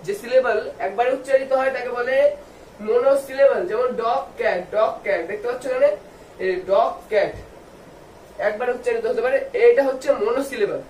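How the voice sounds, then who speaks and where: A male English tutor with a high, slightly mellow voice delivers a video lesson for students, slowly spelling words letter by letter. He poses questions to viewers and answers them himself, sounding distant from the mic in a roomy space with faint background noise.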